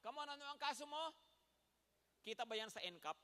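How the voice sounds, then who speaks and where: A man's voice: extremely high pitch, animated, a little fast, pushed and bright, big-room sound. A man with a Filipino accent, a pastor preaching a sermon in a church, telling stories in a chatty way and checking in with the congregation. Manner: chatty storytelling with laughs and "no?" asides. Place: church sanctuary.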